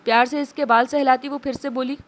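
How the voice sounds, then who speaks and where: A woman narrating a romance novel in a steady storytelling delivery. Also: sits high, fast talker.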